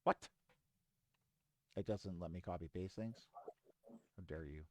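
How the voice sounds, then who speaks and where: A man's voice: low-pitched, a little slow, warm tone, no room sound. A man co-hosting a tech tutorial in casual chat, joking as he reads out commands letter by letter while typing. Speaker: co-host following a tutorial.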